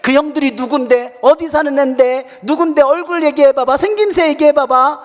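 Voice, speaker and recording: Male pastor as mother figure: high, angry interrogator, long hall echo. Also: normal speed. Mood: interrogating. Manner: shrill interrogating scolding. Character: angry scolding mother of a young boy.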